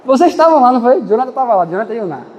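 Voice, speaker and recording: High-pitched impassioned male preacher. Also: very animated, racing, darkish tone, long reverb tail. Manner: impassioned, dramatic swings in pitch and pace. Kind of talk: sermon. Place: church.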